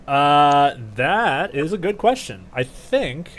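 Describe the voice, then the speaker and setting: Animated man running a tabletop game. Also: on the high side, slow, a little hiss or hum. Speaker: game master. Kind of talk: casual tabletop game narration.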